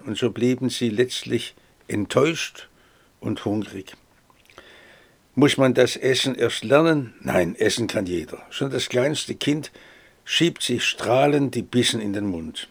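A man preaching a sermon, reading scripture aloud in a measured, solemn way. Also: medium pitch, vocal fry, breathy edge.

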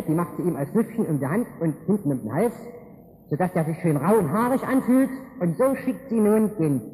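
A man with a high voice delivers a sermon in a lively, colloquial storytelling style, throwing in humorous slangy asides. His voice rings out in a large room with a long reverb. A faint ambient noise sits underneath. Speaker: preacher.

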